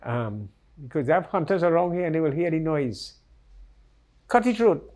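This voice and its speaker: A man's voice: on the high side, animated, fairly quick, a little mellow. A man giving a vivid personal account in an interview, acting out the voices he quotes.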